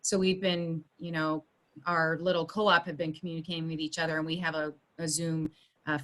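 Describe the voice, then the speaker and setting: A woman's voice: low-pitched, level tone, normal speed, fairly bright tone. A woman working as a school social worker, talking in a rambling way with many restarts during a video meeting. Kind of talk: casual video meeting chat. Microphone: video call.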